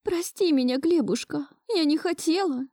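A woman's voice: a little high, big pitch swings, normal speed, a little mellow, no room sound, clean studio sound, voice pushed up. A woman reading an audiobook voices a stubborn, pushy old grandmother in a raised, reproachful voice. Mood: anxious.

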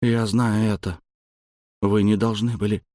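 A man's voice: fairly low pitch, flat delivery, measured pace, a little mellow, dry recording, clean studio sound, close to an everyday voice. A man voicing a grumbling young friend.

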